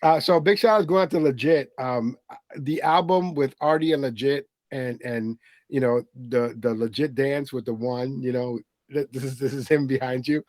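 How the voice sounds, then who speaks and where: A man's voice: medium pitch, normal speed, darkish tone, dry recording. A man hosting a podcast, asking questions in a casual chat with many fillers and restarts. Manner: hesitant, filler-heavy questioner. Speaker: podcast host.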